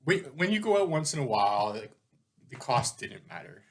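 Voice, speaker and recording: A man's voice: medium pitch, very animated. A man co-hosting a casual podcast chat, rambling with lots of fillers and firing off questions. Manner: rambling, filler-heavy, giggly; rapid-fire questioning. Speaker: podcast co-host.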